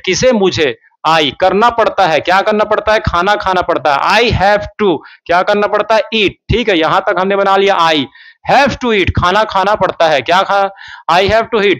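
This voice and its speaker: A man teaching a spoken English lesson in Hindi, drawing out his English example sentences slowly. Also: high voice, a bit bright. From India. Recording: dull lo-fi sound.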